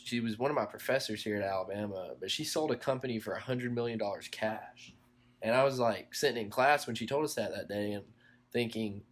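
A young man, a college student, hosting a casual interview in a relaxed, modest way with frequent fillers. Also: fairly low pitch. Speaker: host, college student entrepreneur.

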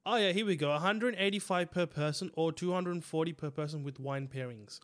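A young man chimes in on a podcast chat with short, blunt lines and plenty of swearing. His voice sits a little on the high side for a man. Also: fairly quick. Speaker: podcast co-host. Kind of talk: casual chat.

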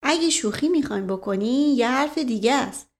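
Female reader doing a suave older gentleman, playful and coaxing, raised and bright, storybook role. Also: high-pitched, voice pushed up. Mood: smooth. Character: charming older male nobleman, smooth-talking ladies' man. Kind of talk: audiobook character reading.

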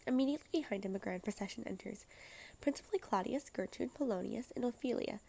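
Soft-voiced woman reading stage directions. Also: fairly high pitch, fast, vocal fry. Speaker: reader. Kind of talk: reading a play script aloud.

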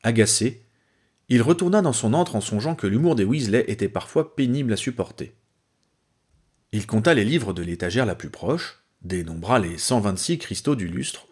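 A man reading a fan-fiction chapter aloud as narrator, telling it in a lively way. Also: fairly low pitch, husky. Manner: lively storytelling, voices the characters. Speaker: reader.

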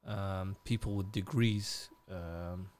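Low-voiced man from Iraq interviewing. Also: steady tone, a little mellow. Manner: halting, restarts phrases, asks probing questions. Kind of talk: conversational interview.

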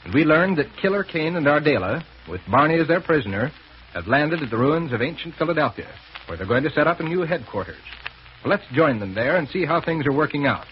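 A man's voice: on the high side, sing-song, fairly quick, highs cut off, a little hiss or hum. A man in the style of an old-time radio announcer, reading sponsor messages and narration with hearty, punchy salesmanship on an old broadcast.

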